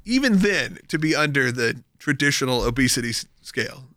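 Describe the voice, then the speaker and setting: A man's voice: medium pitch, animated, brisk, sharp tone, dry recording, studio quality. A middle-aged man chatting casually as a co-host, his speech slightly slurred as if his mouth is sore. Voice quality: slightly slurred speech after dental surgery. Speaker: podcast co-host. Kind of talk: casual chat.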